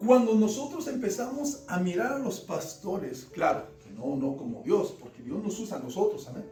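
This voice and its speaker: A man preaching a fervent sermon, swinging between loud emphasis and quiet asides. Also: high-pitched, lively intonation, normal speed. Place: church service. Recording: roomy church sound from a distant mic, faint music behind.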